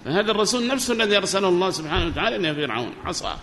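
A man's voice: sits high, very animated, racing, fairly bright tone. A man teaching an Arabic grammar lesson on a microphone, asking his students questions and repeating their answers. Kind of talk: classroom lesson explaining a grammar poem. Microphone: amplifier microphone. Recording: reverberant hall, faint background noise.

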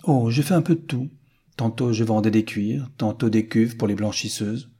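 A man's voice: on the low side, normal speed, warm tone, breathy edge. A man reading aloud voices an earnest, plain-spoken rich American businessman.

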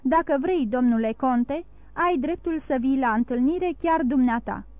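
A woman's voice: sits high, darkish tone, no echo, highs cut off, lightly acted. A woman reading the part of a proud young nobleman who speaks coldly and accuses. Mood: mocking. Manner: cold, challenging, accusing.

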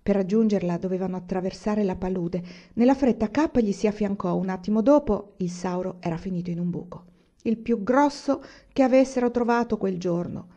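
A woman reading a novel aloud in a measured, even narration. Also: mid-range voice, highs cut off. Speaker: audiobook reader.

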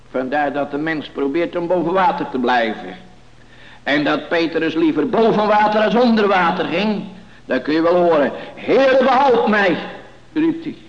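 A fairly high-voiced man preaches a sermon in a solemn, measured cadence that swells into loud, emphatic passages. His voice rings with the long reverb of a church hall, and the old recording sounds dull and lo-fi. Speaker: pastor.

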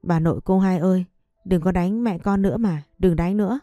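A woman's voice: lowish voice, a little fast, dark tone, dry recording, faint music behind, lightly acted. A tearful little boy, as a woman narrator voices him. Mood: pleading, childlike. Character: tearful three-year-old boy.

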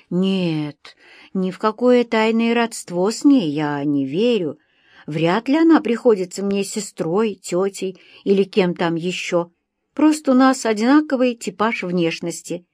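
A woman's voice: medium pitch, darkish tone, dry recording, studio quality. Woman narrating an audiobook in first person.

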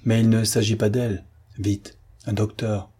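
Sly, scheming old man in an audiobook who sneers and gives low, curt orders, voiced by a man with a low, dark and husky tone. He sounds cold and calculating. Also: flat delivery, normal speed. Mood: urgent. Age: older. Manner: sneering, hushed and commanding.

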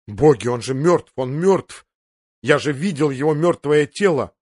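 A man's voice: fairly high pitch, animated, measured pace, dry recording, clean studio sound. A man playing a panicked young fighter. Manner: shouted, panicked. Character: terrified young man of the Watch.

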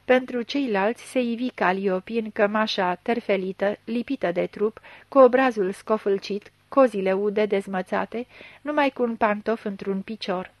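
A woman tells a story in a steady, measured reading voice of middle pitch. The sound is dry and close, with no room around it. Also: no room sound. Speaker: narrator. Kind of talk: audiobook reading.

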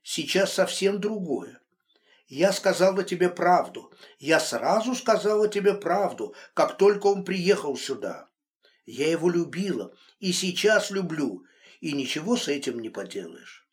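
A man's voice: sing-song, measured pace. A man voicing a distraught young woman, pleading and emotional. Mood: insistent. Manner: pleading, emotional, rising pitch.

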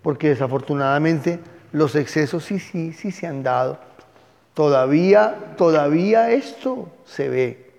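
A man, a pastor teaching a Bible class and telling the stories with lively energy. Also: on the high side, measured pace, gravelly, in a large hall. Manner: lively storytelling, addresses class as "hijos".

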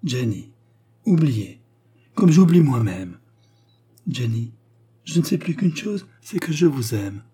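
A man's voice: medium pitch, very animated, slow, long pauses, mellow, slightly rough, heavily acted. A man voicing an intense young lover speaking with strong emotion. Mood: tender passionate. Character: passionate young lover, angry then tender.

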